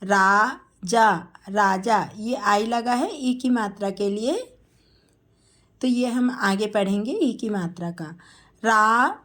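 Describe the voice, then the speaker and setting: A woman teaching a spelling lesson, dictating names slowly syllable by syllable and explaining each letter. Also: medium pitch, expressive, fairly bright tone.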